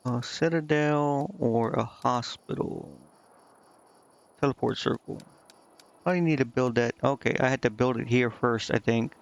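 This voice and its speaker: A man with a medium-pitched, gravelly voice speaks steadily and a little slowly while livestreaming a strategy role-playing game. He thinks aloud in a casual, muttering way as he puzzles things out, with game music and slight background noise behind him.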